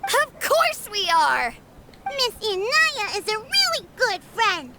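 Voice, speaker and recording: A woman voicing an excitable, loyal little girl in a video game. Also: very high voice, takes it slowly, very noisy, full character voice. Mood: eager. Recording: loud game music behind.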